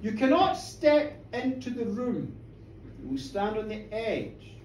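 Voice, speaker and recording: A solemn fairy king lays down his rules one slow command at a time. A storyteller, a man, voices him, lowering his usually lively voice, heard from across a ringing pub room. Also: a little hiss or hum, exaggerated voice. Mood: stern. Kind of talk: live storytelling. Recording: echoey pub room, distant mic.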